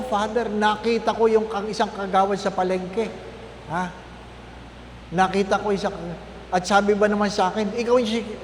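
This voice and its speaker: High-voiced priest in an echoey church. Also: male voice, slight background noise. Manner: conversational preaching, frequent tag questions to the congregation. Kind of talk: Lenten recollection talk. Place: parish church.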